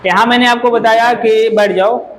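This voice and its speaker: A man's voice: extremely high pitch, fairly even intonation, normal speed, fairly bright tone. A man teaching an English grammar class, who explains patiently and keeps asking his students questions. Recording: echoey classroom.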